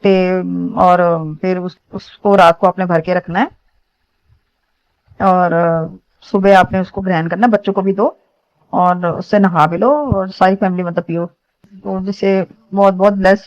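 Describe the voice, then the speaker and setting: Earnest woman with a smooth voice. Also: mid-range voice, fairly even intonation, moderate pace, a little mellow, lo-fi sound. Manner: earnest, rambling, many restarts. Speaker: devotee sharing a testimony. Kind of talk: emotional testimony to a congregation.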